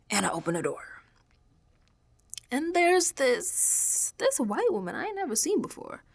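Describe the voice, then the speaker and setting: A young-adult actress plays a troubled, defiant American woman coming apart, confiding her story in a dramatic radio monologue that moves between hushed and emphatic. Her voice is a little high.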